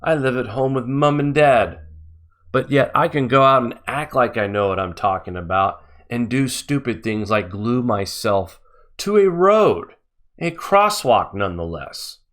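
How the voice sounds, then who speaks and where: A man's voice: mid-range voice, animated, unhurried, a bit bright. A man voicing a self-pitying young male protester with a mock Australian accent, whining and pleading. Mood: whiny pleading.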